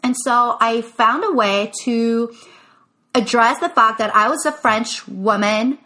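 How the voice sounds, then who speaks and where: A young business coach from Quebec, Canada, talks casually on her solo podcast, with lots of "like" fillers and restarts. Her voice is on the high side, slow and sharp in tone.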